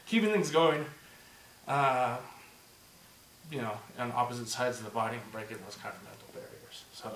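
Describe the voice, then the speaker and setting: An instructor leads a step-by-step demonstration lesson, coaching encouragingly and repeating "just like that" and "good." His mid-range voice is fairly bright and moves at a normal speed, though he's slightly hoarse, losing his voice, and a bit out of breath. The mic sits at a distance in an echoey room.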